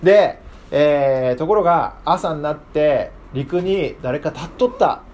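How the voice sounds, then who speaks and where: A man's voice: a little high, unhurried. A man leading a casual, interactive Bible lesson, often putting questions to his listeners. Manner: lively, asks the group questions. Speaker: Bible class teacher.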